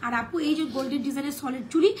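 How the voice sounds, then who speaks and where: Hoarse, fast, high-pitched Bangladeshi saleswoman. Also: darkish tone, a little hiss or hum. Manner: chatty, mixes English sales phrases. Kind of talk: live sales stream.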